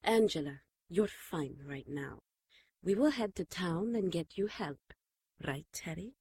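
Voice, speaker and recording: A woman playing a shaken but caring, gently reproving nun in an audio drama. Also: fairly low pitch, animated, measured pace, husky, no room sound, full character voice. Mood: soothing, concerned.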